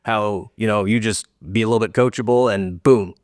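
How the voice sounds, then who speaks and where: A man's voice: on the low side, steady tone, a little fast, darkish tone, no room sound, clean studio sound. A man hosting a podcast as the coach, talking casually and upbeat, often saying "dude" and restarting his sentences. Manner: upbeat, says "dude" a lot, many restarts. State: winded after a workout. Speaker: podcast host and gym coach.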